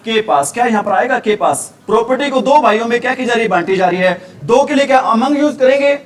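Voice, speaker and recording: With lively intonation and a slightly fast pace, an Indian man teaches a grammar revision class in a strikingly high voice. He poses questions only to answer them himself, and the mic is placed some distance away.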